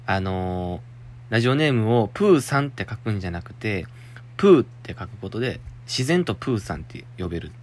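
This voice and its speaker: A man's voice: lowish voice, very animated, fairly quick, a little mellow. A young man with a Kansai accent, hosting a solo talk show and chatting about a listener's letter in a rambling way. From Shiga, Japan. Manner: chatty, muttering to himself, laughing. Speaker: podcast host.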